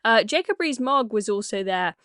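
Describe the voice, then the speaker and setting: A woman's voice: on the high side, lively intonation, normal speed, bright, forceful tone, no echo, studio quality. A woman commenting over video clips in a sarcastic tone, often hesitating with "uh" and "um". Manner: sarcastic, hesitant with many fillers. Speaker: online political commentator.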